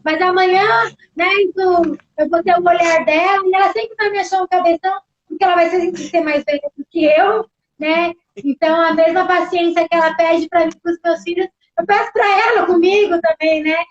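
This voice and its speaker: Chatty high-voiced Brazilian woman pastor. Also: a little fast, dull audio. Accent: Brazilian Portuguese. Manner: chatty, tag questions, animated quoting. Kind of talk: casual church talk.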